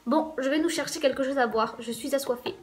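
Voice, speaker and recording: Girl doing a bubbly teen best friend, friendly and chatty, kinda high. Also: brisk, natural voice.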